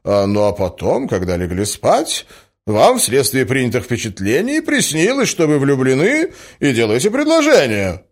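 A man voicing a young gentleman in an audiobook, forcedly calm and placating. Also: mid-range voice, normal speed, pitched above the performer's own voice. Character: smooth-talking young gentleman. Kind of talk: audiobook character reading.

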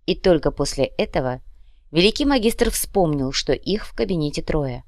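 A woman reading an urban fantasy audiobook in an even, unhurried narration. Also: low voice, dry recording, studio quality. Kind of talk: scripted narration.

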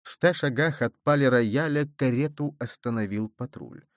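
A man reads an audiobook in a steady, measured way, his voice mid-pitched and even. The recording is dry and close, with no room echo. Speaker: audiobook narrator. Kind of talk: scripted narration.

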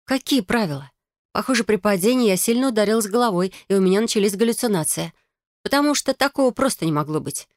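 A woman narrating a first-person fantasy audiobook in an even, wry storytelling manner. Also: mid-range voice, quick pace, no room sound, studio quality.

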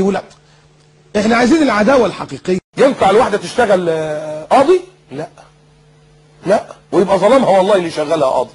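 A man preaching a colloquial sermon with an Egyptian Arabic accent. He mocks as he goes, acts out little scenes in different voices and shouts some lines for effect. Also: high voice, slightly rough, poor audio.

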